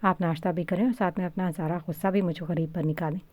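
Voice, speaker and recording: A woman voicing a gentle middle-aged father who coaxes and pleads softly. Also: fairly low pitch, fairly even intonation, no echo, lightly acted. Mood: coaxing. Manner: soft, pleading, playful.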